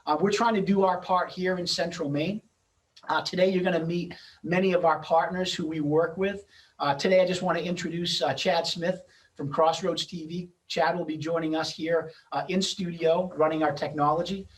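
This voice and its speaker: Recorded from a distance, a middle-aged man with a fairly high voice speaks at normal speed in a steady tone. He is the host and moderator of an event, introducing in a semi-formal, loosely scripted style over a video-call microphone.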